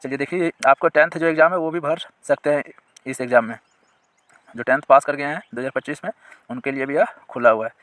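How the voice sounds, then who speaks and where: An exam-prep teacher explains a recruitment notice to his viewers, slowly reading its clauses before restating them in plain language. He quizzes the audience and directs them to sections on screen. His voice is medium-pitched and fairly bright with fairly even intonation, and there's no room sound.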